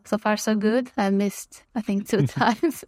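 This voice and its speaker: A woman's voice: mid-range voice, fairly even intonation, a little slow, darkish tone. A woman from Croatia, a guest on a podcast, talking casually, with many fillers and frequent laughs. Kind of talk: casual chat.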